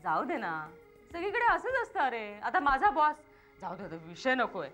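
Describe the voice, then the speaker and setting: A woman's voice: a little high, very animated, normal speed, fairly bright tone, soft background music. An actress playing a chatty, emotional wife who nags and argues with her husband, in a TV serial. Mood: arguing. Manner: nagging and playful, turns tearful. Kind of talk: TV serial acting.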